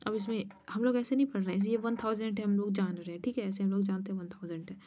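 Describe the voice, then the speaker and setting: A woman with a mid-range, dark-toned voice teaches maths at a board, walking through place values step by step at a quick, steady pace. Now and then she mutters asides under her breath. The recording is muffled and lo-fi.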